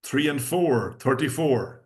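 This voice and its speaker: An Irish man calling bingo as host, reading out each number digit by digit and then in full, in a measured way. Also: medium pitch, animated.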